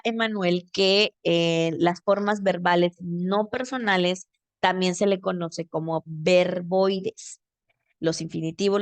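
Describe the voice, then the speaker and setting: A woman's voice: mid-range voice, no room sound. A woman teacher with a Mexican accent giving a grammar lesson over a video call, explaining patiently step by step and checking in with her student.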